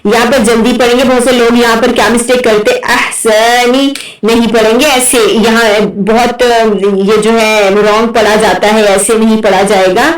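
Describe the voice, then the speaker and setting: A woman teaching Quran recitation, spelling syllables slowly one by one and breaking off into quick explanations. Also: a little high, steady tone. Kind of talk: slow spelling-drill lesson. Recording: echoey room.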